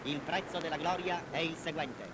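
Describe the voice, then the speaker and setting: An Italian man delivers solemn, formal, declamatory narration for a 1940s wartime propaganda newsreel. His pitch is fairly high at a normal speed. The vintage soundtrack is very noisy, with loud music behind him.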